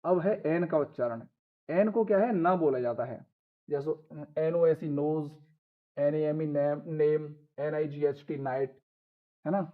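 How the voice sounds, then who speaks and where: In a Hindi classroom-style lesson, an English pronunciation teacher explains step by step, spelling words out letter by letter and repeating each rule without hurrying. His voice is fairly high, he keeps addressing viewers as "guys", and the audio is thin and tinny, like a phone line.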